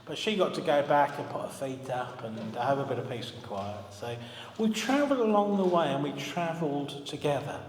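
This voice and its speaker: A man's voice: fairly high pitch, lively intonation, moderate pace, a little hiss or hum. A man in his forties preaching a sermon in a church as its minister, telling stories with humour and asking the congregation questions. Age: 40s. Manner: chatty, humorous storytelling, asks the congregation questions. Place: church hall. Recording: echoey hall, long reverb.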